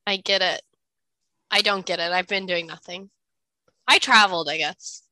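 Pitched fairly low, she talks at a moderate pace in a bright, forceful voice with a slight nasal congestion. As a young adult co-host, she jokes casually at her own expense while bantering with her sibling on a podcast. The recording is dry and rough.

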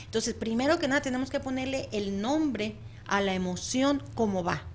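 A woman's voice: on the high side, moderate pace, slight background noise. A woman counselor, a guest on a radio talk show, chatty and laughing often. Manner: chatty, laughs often, acts out clients' voices.

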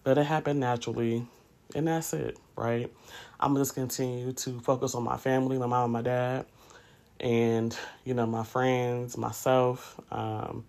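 With a gravelly voice of medium pitch, a late-thirties man hosts a podcast. He's candid and chatty, musing in a casual monologue peppered with asides and plenty of "you know."

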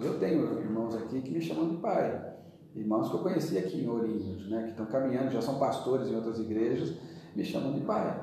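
A pastor with a Brazilian Portuguese accent teaches earnestly and emphatically during a church interview, his medium-pitched voice warm. He's recorded from a distance in a very echoey room.

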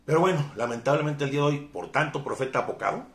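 Fervent preacher in an echoey room. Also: male voice, mid-range voice, animated, fast talker. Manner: fervent, emphatic preaching with dramatic swings in loudness. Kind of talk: sermon.

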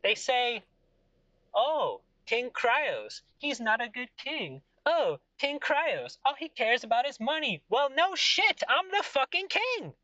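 A man voicing a vain, greedy fantasy king who sneers and boasts in a loud, raised voice. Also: very high voice, sing-song, slow, no room sound, voice pushed up, exaggerated voice. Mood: boastful. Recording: dull lo-fi sound.

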